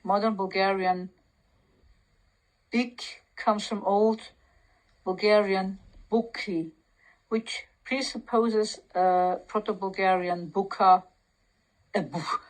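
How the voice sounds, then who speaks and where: A woman with a Turkish accent, a Turkish native speaker, reading aloud from a text and commenting on it with pauses, fillers and restarts. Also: medium pitch, rough recording. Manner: reads aloud slowly, pausing, many fillers and restarts. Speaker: language commentator.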